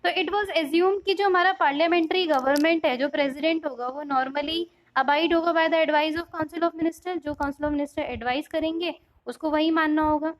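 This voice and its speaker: High-voiced woman teaching a class. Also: fairly even intonation, measured pace, rough recording. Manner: mixes Hindi and English, explains with simple examples. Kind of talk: explanatory class lecture.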